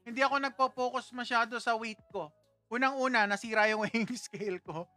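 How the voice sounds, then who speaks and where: A man's voice: very high voice, fairly even intonation, brisk, bright, forceful tone, no room sound, faint music behind. A man hosting a casual livestream, chatting with viewers in a playful, teasing way and laughing often. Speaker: livestream host.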